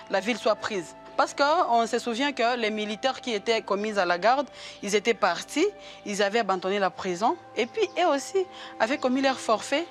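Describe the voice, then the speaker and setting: A woman judge speaking in an interview, halting and repeating words as she explains. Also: on the high side.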